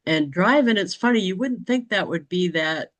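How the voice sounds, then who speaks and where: A woman's voice: lowish voice, animated, moderate pace, rough recording. A woman chatting casually in a group meeting, rambling along with frequent restarts and light laughter. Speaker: business training participant.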